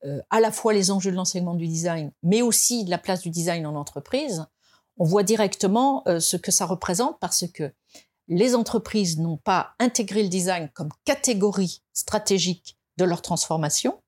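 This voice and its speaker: A woman from France talks through her ideas in a relaxed interview, with a voice on the lower side. She hesitates often and restarts her sentences. She pushes her pitch up when she wants to stress a point. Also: normal speed. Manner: reflective, hesitant with many fillers and restarts. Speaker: design expert guest. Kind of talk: conversational interview.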